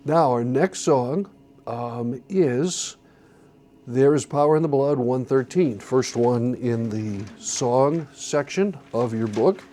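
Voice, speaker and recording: A man's voice: medium pitch, slow, mellow. A man teaching a church song-leading class, explaining conducting patterns patiently and counting beats aloud. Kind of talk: classroom instruction.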